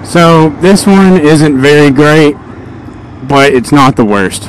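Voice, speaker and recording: A man's voice: a little high, animated, slow pace, rough recording. A man talking casually from inside a motorcycle helmet as he rides, vlogging in a rambling, slightly distracted way. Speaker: motovlogger. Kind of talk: casual vlog monologue while riding a motorcycle. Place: outdoors, riding a motorcycle in traffic. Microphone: microphone inside a motorcycle helmet. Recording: inside a helmet, loud road and engine noise. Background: loud traffic, vehicle and wind noise.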